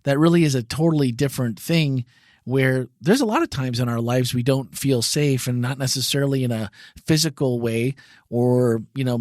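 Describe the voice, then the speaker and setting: A man's voice: medium pitch, darkish tone, no room sound, studio quality. A man hosting a church podcast, chatting casually, laughing often and restarting his sentences. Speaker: podcast host.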